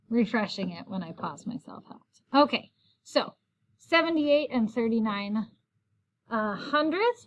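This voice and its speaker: Woman, teacher, recorded lesson, friendly, step-by-step explaining, mid pitch. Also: fairly bright tone.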